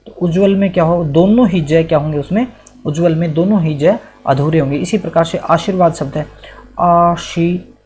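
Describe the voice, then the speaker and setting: A man's voice: fairly high pitch, darkish tone. Male teacher quizzing his class. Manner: asks and answers his own questions, checks in with "right?". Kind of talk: exam-prep quiz lesson.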